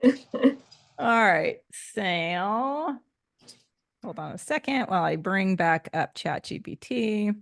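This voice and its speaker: A woman's voice: mid-range voice, slow pace, creaky, long pauses. A woman marketing coach talking casually through a screen share, explaining with lots of "um"s. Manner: relaxed, filler-heavy explaining.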